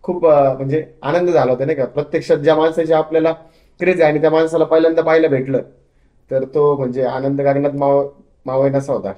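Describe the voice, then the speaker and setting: A man's voice: a little high, little pitch movement, fast talker, dull audio. Earnest young man in an echoey room. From Maharashtra. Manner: earnest, loyal, with hesitant restarts. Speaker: political party worker, interview guest. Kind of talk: interview answers.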